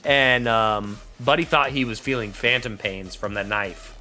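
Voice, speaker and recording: A man co-hosting a casual chat show, retelling a story with mocking, animated delivery. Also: medium pitch, unhurried, faint music behind. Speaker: podcast co-host.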